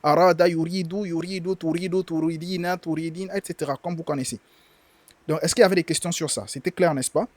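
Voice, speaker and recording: A man's voice: a little high, steady tone, a little fast, a little mellow, no room sound. A man teaching a language class, patiently repeating words and drilling verb conjugations aloud, switching between explanations and careful pronunciation. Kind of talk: live class lesson explaining dialogue and vocabulary.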